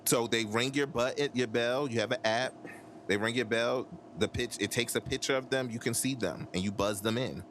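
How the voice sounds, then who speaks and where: A man's voice: mid-range voice, moderate pace, fairly bright tone, a little hiss or hum. A man hosting a casual podcast chat, ranting emphatically and swearing freely. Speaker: podcast host.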